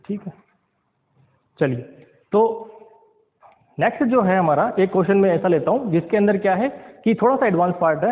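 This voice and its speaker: High-voiced man lecturing in echoey tinny sound. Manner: keeps asking the class questions, checks understanding; mixes English science terms into Hindi. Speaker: physics teacher. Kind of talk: classroom lecture at a board. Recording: tinny lo-fi sound with long reverb.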